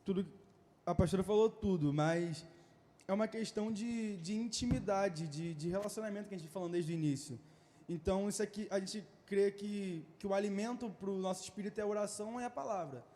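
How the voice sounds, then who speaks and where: A man's voice: high voice, a little fast, mellow. A young man from a youth ministry, earnestly explaining scripture in a casual church chat. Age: teens or young adult. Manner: earnest, quoting scripture, some laughing. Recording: long hall reverb.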